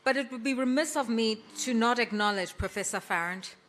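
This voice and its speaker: A woman emceeing an awards ceremony, introducing guests with emphatic, drawn-out phrasing. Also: fairly high pitch, a bit bright, a little hiss or hum. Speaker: master of ceremonies. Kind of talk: formal event hosting.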